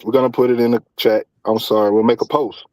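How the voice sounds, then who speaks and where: A man's voice: mid-range voice, level tone, quick pace, a little mellow, no room sound, rough recording. A man from Georgia co-hosting a podcast, bantering playfully in casual chat. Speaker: podcast co-host.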